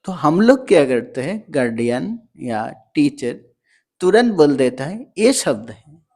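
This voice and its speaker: A man's voice: fairly high pitch, sing-song, unhurried, a little mellow. A man teaching parents in a motivational talk, explaining patiently and sounding words out syllable by syllable.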